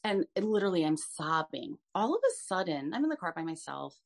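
A woman in her fifties, appearing as a podcast guest, earnestly shares her personal testimony of faith in an interview, restarting often. Her voice is lowish, creaky, and sing-song, and she speaks briskly.

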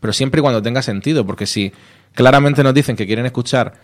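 A man, a radio station manager being interviewed, telling stories in a lively way and acting out dialogue. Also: mid-range voice. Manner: lively, animated storyteller, quick to act out dialogue. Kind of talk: casual interview talk.

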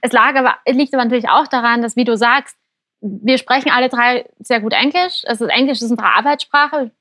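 A woman with a fairly high voice lays out her thoughts calmly in casual talk. The recording is dry, with no room echo. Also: fairly quick. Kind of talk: casual conversation.

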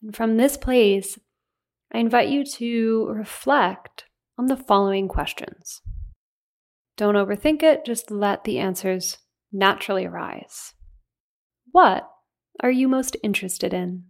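A woman's voice: medium pitch, gravelly. Soothing woman guiding a meditation. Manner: soothing, unhurried delivery with gentle pauses. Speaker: meditation guide. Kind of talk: guided meditation.

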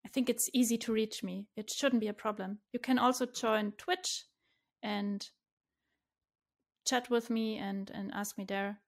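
A woman with a German accent, a native German speaker, chatting as an interview guest, cheerful and quick to laugh, often restarting her sentences. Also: mid-range voice, steady tone. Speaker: guest, community organizer. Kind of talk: casual interview chat.

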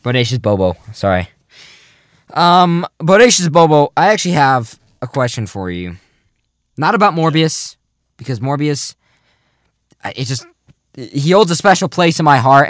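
A young man hosting a casual, goofy podcast chat, talking in a mock-serious, rambling way that often trails off quietly. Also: medium pitch, lively intonation, normal speed, no room sound, clean studio sound. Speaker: podcast host.

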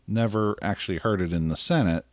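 Low-voiced casual man, dry sound. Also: a little fast, no room sound. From Pittsburgh area. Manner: relaxed, chatty, lots of fillers. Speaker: podcast co-host. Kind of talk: casual chat.

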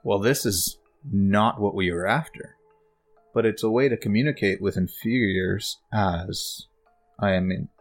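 A scornful alien man speaks in cold, flat pronouncements through a voice box that makes him sound echoey, as a game master puts him on. His voice sits very low and deep. Faint music plays underneath. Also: a little slow. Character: haughty tethered alien man, scornful of inferiors. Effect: heard through an echoey voice box.

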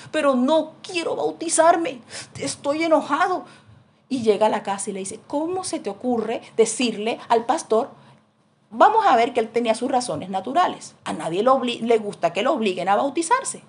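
A middle-aged woman preaching a sermon, telling stories and acting out the voices of the people in them. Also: medium pitch. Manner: animated storytelling, acting out voices in quotes.

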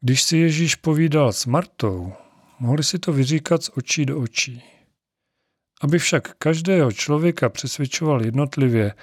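A man's voice: mid-range voice, dry recording, studio quality. A man reading a scripture passage and reflecting on it, with conversational asides to his listeners. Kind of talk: Bible reading and spiritual reflection.

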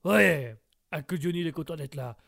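A man's voice: a little high, very fast, vocal fry, a little mellow, no echo, studio quality. A man hosting a live web radio show, introducing music in a loose, hesitant way full of restarts. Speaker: radio host presenting music.

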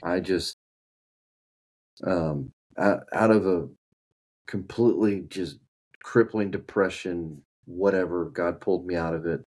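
A man's voice: low voice, measured pace, long pauses, a little mellow, breathy edge. A man with a Kentucky accent talking casually as a podcast guest, often repeating and restarting words as he searches for them. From Kentucky, United States.

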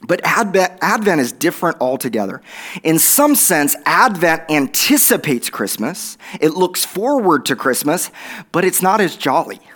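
A man's voice: fairly high pitch, sing-song, moderate pace, fairly bright tone. A middle-aged man with an Oklahoma accent preaching a sermon in a conversational way, checking in with listeners and repeating phrases for emphasis. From Oklahoma, USA. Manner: conversational, with check-in tags like "right?" and "okay?".

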